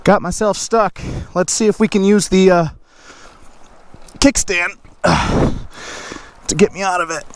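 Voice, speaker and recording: A man's voice: high voice, unhurried, long pauses, smooth, no echo. A man in his thirties riding a motorcycle on trails, vlogging in a laid-back, rambling way, winded from a cold. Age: 30s. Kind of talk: casual vlog narration while riding. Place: outdoors on wooded trails. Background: motorcycle engine, outdoor ambience.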